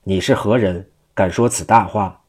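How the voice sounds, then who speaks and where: A man's voice: fairly low pitch, normal speed, a little mellow, slightly rough. A man reading the lines of an arrogant male Daoist sorcerer in a storybook tale, haughty and scolding. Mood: scornful.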